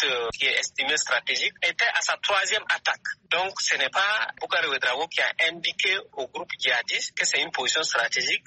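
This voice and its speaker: A man's voice: a little high, sharp tone, slightly rough, no room sound, poor audio. A man who leads a human rights group, answering a phone interview in an earnest, insistent way.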